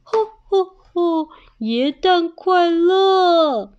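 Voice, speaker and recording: A woman's voice: expressive, drawn-out words, darkish tone, muffled recording, full character voice. A woman playing a jolly old Santa. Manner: booming ho-ho laugh, drawn out.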